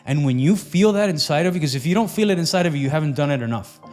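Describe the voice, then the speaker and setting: A man gives an earnest motivational talk as a fat-loss coach, in a voice pitched a little above the usual for men. He strings his thoughts together loosely, circling back and repeating himself. Soft music plays quietly underneath. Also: expressive, fast talker. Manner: earnest, loose, repetitive phrasing with many fillers.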